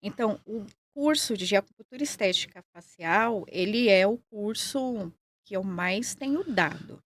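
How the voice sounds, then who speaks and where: A woman with a São Paulo accent, answering interview questions in a measured, explanatory way. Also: mid-range voice, lively intonation, no room sound. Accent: Paulista Brazilian Portuguese. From São Paulo, Brazil. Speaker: guest, acupuncturist and nurse.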